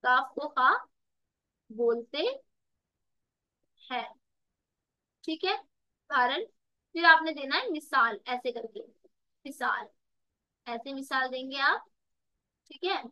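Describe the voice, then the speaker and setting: A woman's voice: high-pitched, lively intonation, slow pace, long pauses, pushed and bright, dry recording, poor audio. A woman tutor giving an online exam-prep lesson, calling students "beta" and repeating words with rhetorical questions to the class. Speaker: Urdu tutor.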